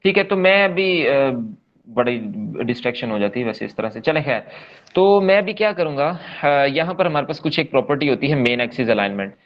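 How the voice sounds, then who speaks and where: A man's voice: medium pitch, expressive, fairly quick, dull audio. A man leading a live online coding class, explaining step by step in a patient, repetitive way and checking in often with his students. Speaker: coding instructor.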